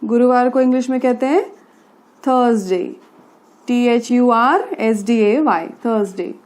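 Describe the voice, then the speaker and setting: A woman with a fairly high, slightly mellow voice teaches English vocabulary in Hindi. Slow and patient, she repeats each word, spells it out letter by letter, and keeps saying "theek hai."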